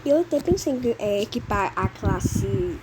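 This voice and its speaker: A woman's voice: medium pitch, very animated, unhurried, very noisy. A Brazilian woman narrating her own gameplay in a chatty, anxious way, constantly calling out to her viewers. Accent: Brazilian Portuguese. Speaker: gamer. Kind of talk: let's play commentary.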